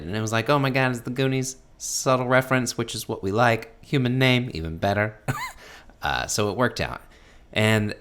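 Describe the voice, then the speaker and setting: A man's voice: lowish voice, fairly bright tone. A man co-hosting a podcast, telling personal anecdotes in casual conversation. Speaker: podcast co-host.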